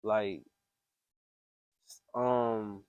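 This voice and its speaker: A man's voice: fairly low pitch, fairly even intonation, very slow, smooth, dry recording, narrow, tinny audio. A man talking casually and emphatically about his own reflections in a voice memo, with slangy phrasing and an earnest, preachy manner. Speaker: speaker sharing personal faith reflections. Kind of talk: casual spoken voice memo, venting and testimony. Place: close, dry voice memo recording.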